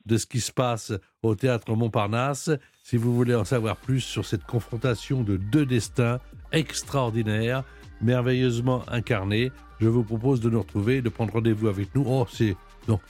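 A man hosting a radio show, presenting a quiz question and interviewing a guest in a brisk, lively way. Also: medium pitch, soft background music. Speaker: radio host running a quiz.

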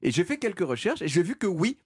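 A man's voice: sits high, very animated, fast, darkish tone, slightly rough, no room sound. A man giving a playful, self-mocking radio segment into a studio mic, explaining things. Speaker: radio columnist.

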